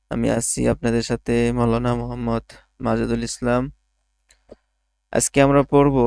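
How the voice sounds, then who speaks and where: Male Bangladeshi Quran tutor, online lesson, steady syllable drills, flat delivery, dry close mic. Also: medium pitch, gravelly, clean tone, no room sound. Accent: Bangladeshi Bengali. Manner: slow, even drilling of syllables. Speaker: Quran reading teacher.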